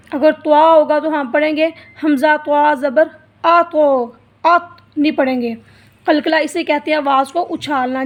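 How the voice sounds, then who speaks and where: A woman teaching a Quran reading lesson for beginners, patiently explaining each letter and drawing out its sound to demonstrate it. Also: sits high. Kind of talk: slow step-by-step lesson.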